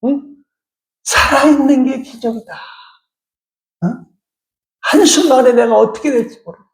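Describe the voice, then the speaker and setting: High-voiced, emphatic male pastor preaching. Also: a little slow. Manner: emphatic, with rhetorical questions to the congregation. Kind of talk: sermon. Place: church sanctuary. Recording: echoey church hall.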